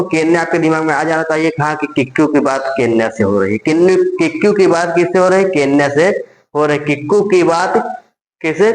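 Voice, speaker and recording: A man's voice: a little high, reverberant, poor audio. A man teaching an exam-prep lesson with memory tricks, repeating each phrase several times and answering his own questions. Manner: repetitive, drills phrases over and over, asks and answers himself.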